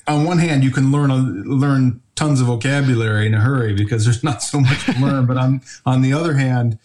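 A man from the United States, a brewery owner appearing as a podcast guest, talks briskly and rambles with many restarts in a casual interview. His voice is medium-pitched with a darkish tone, over slight background noise.

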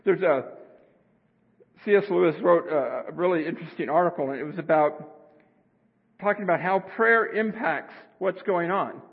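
A man preaching a sermon as pastor, earnest and conversational, with sudden rises in pitch. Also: normal speed, long pauses, husky. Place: church sanctuary. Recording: tinny phone-like sound, long hall reverb.

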